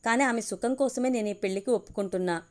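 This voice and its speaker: A woman's voice: on the high side, quick pace, a little mellow, close to an everyday voice. Woman reading as a bashful middle-aged man.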